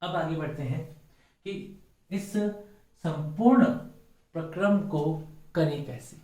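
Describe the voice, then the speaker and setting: A man teaching a Sanskrit pronunciation lesson, slowly and deliberately modelling each sound and repeating words for his students. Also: on the high side, darkish tone. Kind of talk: classroom lecture on pronunciation. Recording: echoey room.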